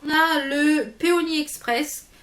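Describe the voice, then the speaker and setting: Woman vlogger, chatty and halting, fairly high voice, recorded in an echoey room. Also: a bit bright. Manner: chatty, many fillers and restarts. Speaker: beauty vlogger. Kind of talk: casual haul video chat.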